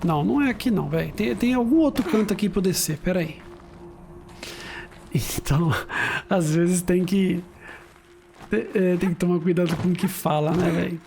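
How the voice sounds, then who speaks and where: This gaming streamer talks casually over a video game at home, swapping stories with slang and plenty of laughter. His voice is high and slightly mellow, with vocal fry and long pauses at a moderate pace, and there's a little hiss or hum.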